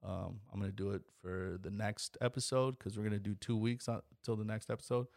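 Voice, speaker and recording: A man's voice: on the low side, level tone, brisk, vocal fry, a little mellow, no room sound, clean studio sound. A man, co-hosting a podcast in a laid-back, swearing casual chat. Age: 20s. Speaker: podcast co-host.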